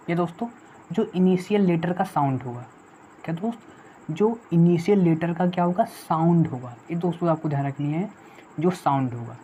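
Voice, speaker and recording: A woman's voice: fairly low pitch, warm tone. A woman teaching an online exam-prep English lesson. She repeats herself often, calls the viewers friends, and asks questions she then answers. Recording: dull lo-fi audio with faint noise.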